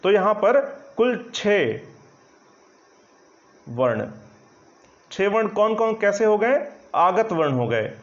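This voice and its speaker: A man's voice: sits high, sing-song, slow pace, pauses often. A male Hindi grammar teacher giving an online exam-prep lesson, explaining patiently and checking often that students follow. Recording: slightly dull lo-fi sound.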